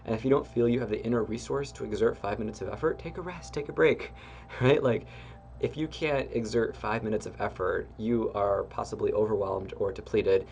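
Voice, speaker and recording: A man as a spiritual teacher giving guided self-help instruction. He talks in an engaged, expressive, gently encouraging way, with soft laughs and relaxed fillers. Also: lowish voice, brisk, creaky, muffled recording, slight background noise.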